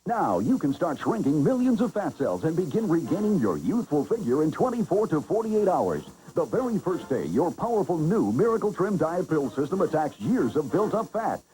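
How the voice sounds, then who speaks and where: A male commercial announcer delivers an urgent hard-sell ad. His voice is soft-edged and warm in tone, yet swings widely as he stresses the pitch to the buyer. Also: big pitch swings, normal speed, few pauses, rough recording. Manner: urgent, emphatic sales pitch.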